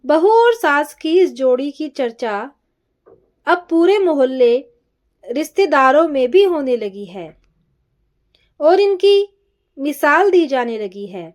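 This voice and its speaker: A woman storyteller narrating a family story in a gentle, measured reading style. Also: sits high, sing-song.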